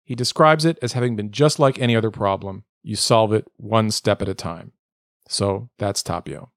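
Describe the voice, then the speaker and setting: A podcast host with a lowish voice speaks at normal speed while interviewing a guest from a hotel room through a Bluetooth headset mic. He sounds hesitant and often restarts his questions. The audio is studio quality with no room sound.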